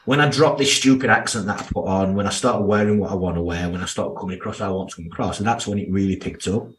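Speaking fast in a deep voice, this man in his thirties comes across blunt, slangy, and down-to-earth, with a strong Yorkshire accent. He's a financial services professional appearing as a candid podcast guest, and there's a little hiss or hum on the audio.

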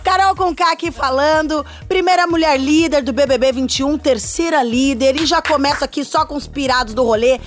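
A Brazilian woman hosts a mock podcast in a high voice. Her delivery is playful and theatrical, with faint music underneath. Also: brisk, few pauses.

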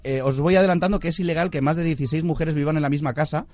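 A man hosting a playful quiz segment, teasing the players and pausing for effect before the answers. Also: on the high side, fairly even intonation, a little mellow, soft background music. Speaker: quiz host.

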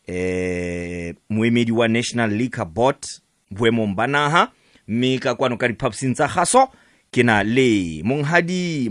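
A man's voice: medium pitch, a bit bright, no room sound. South African Sotho-accented radio host, dry studio man. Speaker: radio talk show host. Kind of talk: radio interview hosting.

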